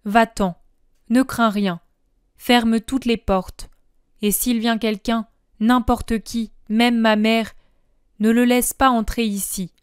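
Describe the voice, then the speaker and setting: A woman voicing a grave male master who speaks low in restrained anger in a dramatic reading. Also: fairly even intonation, slow, clean tone, no room sound, studio quality. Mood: stern. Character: stern grave man, master confronting a thief.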